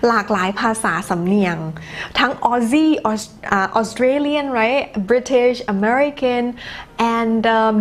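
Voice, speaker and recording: A woman teacher with a Thai accent and a voice on the high side reads viewer comments during a live English lesson. She's chatty and laughs, moving between two languages.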